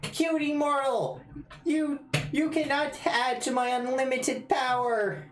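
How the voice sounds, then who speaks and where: A man voicing a tiny, cute bug monster who rants grandly like an evil overlord in a squeaky voice. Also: fairly even intonation, slow pace. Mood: haughty defiance. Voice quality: squeaky high-pitched voice. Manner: grandiose, menacing villain ranting. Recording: roomy, faint background noise.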